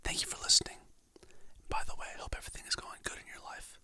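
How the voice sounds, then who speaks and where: Whispering softly and slowly, an adult ASMR creator reads calming quotes. The delivery is relaxed and encouraging throughout.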